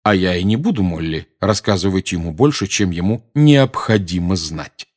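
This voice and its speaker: A man reading aloud and voicing a grown wizard who speaks calmly and coldly but also with defiance. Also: low-pitched, a little fast. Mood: cool. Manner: calm, cold, and sometimes irritated. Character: cool, defiant grown wizard, godfather type.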